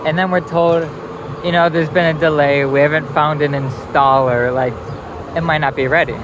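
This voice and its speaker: Out at an amusement park, a vlogger chats casually into his phone camera, narrating as he walks around. His voice is a little high and steady, his pace moderate, and the outdoor recording is noisy, with music playing behind him.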